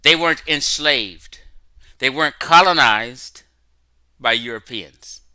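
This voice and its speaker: Medium in pitch and slow, this man speaks with a bright, forceful, smooth tone on a low-quality recording that has no room sound. He hosts a casual online talk show livestream, lecturing emphatically, reading text aloud from his screen, and often checking in with his viewers via "okay?" and "right?".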